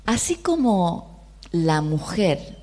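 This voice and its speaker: Woman, Rioplatense Argentine accent, sermon, lively, rhetorical questions to the audience. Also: fairly low pitch, extremely slow. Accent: Rioplatense Spanish. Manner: lively, questioning the audience, acting out quoted voices. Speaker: preacher.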